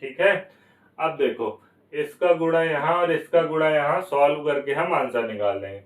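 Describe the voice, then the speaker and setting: A man's voice: fairly high pitch, moderate pace, echoey room, distant mic, low-quality recording. A man teaching a maths lesson for exam prep, asking questions and answering them himself, going step by step. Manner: explains step by step, repeats key numbers.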